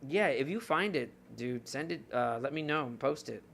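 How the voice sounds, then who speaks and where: A man's voice: mid-range voice, lively intonation, moderate pace, vocal fry, fairly bright tone, slight background noise. A young man streaming live, chatting casually and rambling to his viewers while he looks through his cards. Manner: rambling, chatty, talks to chat while browsing.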